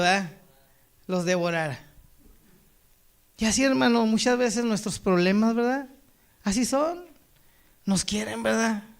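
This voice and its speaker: A man preaching a sermon, reading scripture aloud and then talking it over, often calling his listeners brother and asking "right?". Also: high-pitched. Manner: addresses listeners as brother, tags lines with a questioning "right?"; reads quoted lines slowly and loudly, then drops to a soft, quiet tone.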